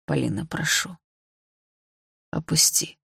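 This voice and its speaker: A woman voicing a troubled, protective young man in an audiobook, speaking hushed and urgent. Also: low voice, little pitch movement, normal speed, vocal fry, slightly rough, no echo, clean studio sound, heavily acted. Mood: tender.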